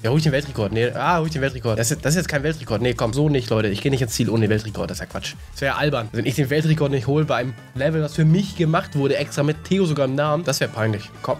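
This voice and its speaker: A man doing excitable let's-play commentary, shouting and wailing when he fails, sometimes singing his words, talking straight to his viewers. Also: medium pitch, very fast, few pauses, faint music behind. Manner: excitable, shouts and wails at failures, playful sing-song bits; talks straight to viewers as "Leute". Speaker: gaming YouTuber.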